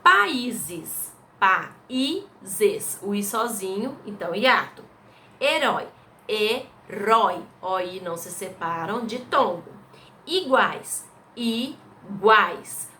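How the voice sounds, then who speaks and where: A Brazilian woman teacher walks young pupils through their exercises one step at a time, checking in with them as she goes. Her voice is bright and clear and sits at an ordinary pitch. Faint background noise runs under the recording. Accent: Brazilian Portuguese. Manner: patient, explains step by step, checks in with "tá?" and "né?". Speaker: primary school teacher. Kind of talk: recorded remote class going over exercise answers.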